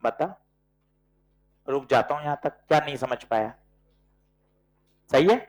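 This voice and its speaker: A man teaching physics to a class, working problems aloud and coaxing students with quick questions. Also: mid-range voice, expressive, rough recording. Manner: brisk, coaxing, quizzes students with short questions. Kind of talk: classroom lecture with problem solving.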